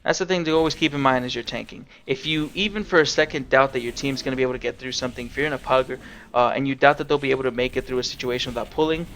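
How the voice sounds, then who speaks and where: A man's voice: mid-range voice, steady tone, very fast, fairly bright tone, slight background noise. A young man giving casual, sarcastic commentary over his own gameplay, swearing freely as he explains what he is doing. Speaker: game streamer.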